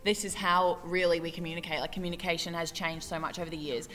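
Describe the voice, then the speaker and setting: A young woman co-hosts a podcast in easy, wandering chat and laughs often. Her voice sits a little low but rings bright and forward. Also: steady tone, fast. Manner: chatty, laughs often, rambling. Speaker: podcast co-host. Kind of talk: casual chat.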